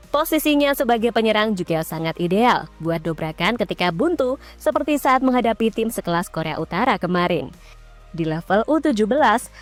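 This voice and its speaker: Woman narrating football news, fairly high voice. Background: faint background music.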